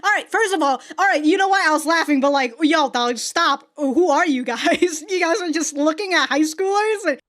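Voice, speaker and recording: This reaction host's high, animated, fairly bright voice moves at normal speed with few pauses as she reads anime subtitles aloud. Her commentary is casual and slangy, loaded with swearing and exclamations.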